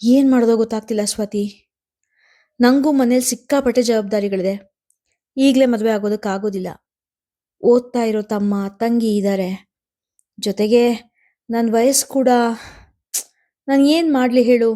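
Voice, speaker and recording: A woman's voice: on the high side, moderate pace, pauses often, warm tone, close to an everyday voice. A woman voicing a young man in love who talks in an affectionate, coaxing way while feeling torn by his duties. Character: young man, tender lover under family burden.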